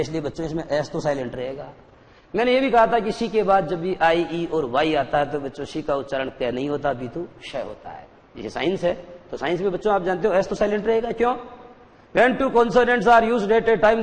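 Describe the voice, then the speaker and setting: A male teacher giving a classroom lecture, explaining slowly and repeating each point for his pupils. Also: fairly high pitch, in a large hall.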